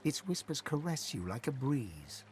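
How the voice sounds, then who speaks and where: A man playing a solemn fantasy game narrator, reading scripted narration in a poetic, measured storytelling manner. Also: medium pitch, sing-song, music in the background. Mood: hushed wonder.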